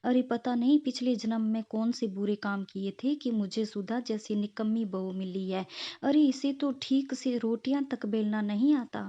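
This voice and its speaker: A woman's voice: fairly high pitch, fairly even intonation, normal speed, warm tone, dull audio, natural voice. A woman voicing a gullible middle-aged mother-in-law who fawns over the neighbor and scolds her own daughter-in-law, in a storybook reading. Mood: scolding. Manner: scolding, fawning.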